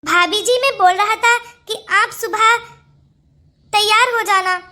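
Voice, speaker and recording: A kind cartoon brother-in-law. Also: female voice, very high-pitched, slow, heavily acted. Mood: secretive. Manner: gentle, secretive. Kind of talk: cartoon voice acting.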